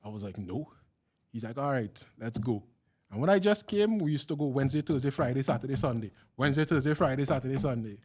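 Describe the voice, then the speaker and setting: A man's voice: medium pitch, expressive, very fast, hardly any pauses, darkish tone, husky. A man with a Trinidadian accent chatting casually as a podcast guest, with laid-back slang and repeated phrases. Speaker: podcast guest working in finance. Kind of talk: casual chat.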